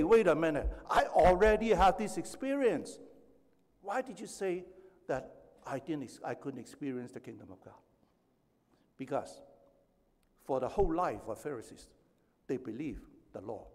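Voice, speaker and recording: Seventy-something preacher from Hong Kong. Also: male voice, sits high, darkish tone. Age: 70s. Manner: preaching with emphatic rising passages, then chatty asides. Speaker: pastor. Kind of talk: sermon. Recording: echoey hall with long reverb.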